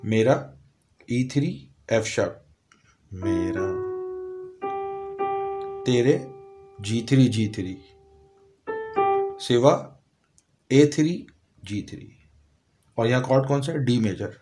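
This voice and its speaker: A man with a Pakistani Urdu accent, calmly explaining a piano lesson step by step, sometimes singing short lyric lines slowly. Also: medium pitch. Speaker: music teacher. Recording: piano playing behind voice.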